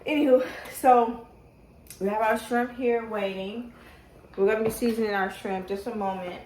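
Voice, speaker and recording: A woman's voice: a little high, steady tone, moderate pace, darkish tone. Woman with braces in a roomy kitchen. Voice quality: speaking with braces. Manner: informal, thinking aloud. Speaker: home cooking vlogger. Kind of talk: casual cooking demonstration. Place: home kitchen. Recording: roomy, distant mic, faint noise.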